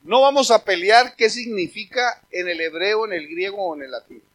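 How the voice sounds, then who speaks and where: A man delivers a sermon from the pulpit. His voice sits high for a man. He preaches with emphasis, turning to the congregation and calling them brothers. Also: moderate pace, a bit bright. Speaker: pastor.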